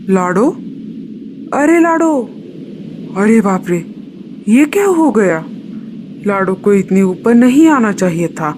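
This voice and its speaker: A man's voice: high-pitched, noisy background. A man voicing a kind male crow in a cartoon, speaking with urgency and care. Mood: alarmed. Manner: urgent, caring. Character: kind male crow, helpful uncle to the chick.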